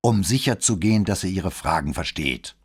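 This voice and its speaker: A man's voice: sits low, expressive, moderate pace, breathy edge, voice pushed up. A man reading an audiobook, voicing a stern, curt military school commandant who speaks harshly.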